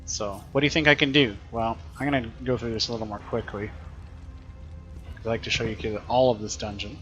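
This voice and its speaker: A man's voice: mid-range voice, steady tone, a little fast, fairly bright tone, dull audio, soft background music. A man teaching while he plays a video game, explaining what happens in a chatty way and thinking aloud. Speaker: teacher streaming gameplay. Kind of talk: casual gameplay commentary.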